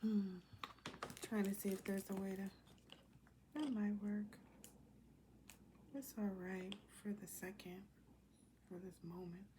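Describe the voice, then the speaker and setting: Speaking at a slow pace with long pauses, she keeps a level, warm, medium-pitched voice while hosting a collective tarot reading. She chats informally to herself and the cards as she improvises, and a faint hiss or hum sits under the recording.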